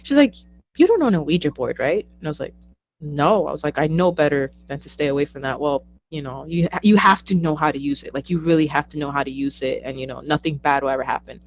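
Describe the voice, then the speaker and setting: Lively young woman telling ghost stories. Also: low voice, fast talker, hardly any pauses, lo-fi sound, slight background noise. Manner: animated, acts out quoted dialogue, laughs often. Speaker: guest, psychic medium. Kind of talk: casual storytelling interview.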